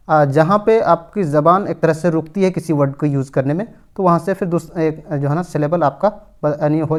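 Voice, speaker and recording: A man teaching English grammar, who asks himself questions and answers them, and reads English examples slowly and deliberately. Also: fairly high pitch, a little mellow. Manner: repeats rhetorical questions to students. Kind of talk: explanatory lesson.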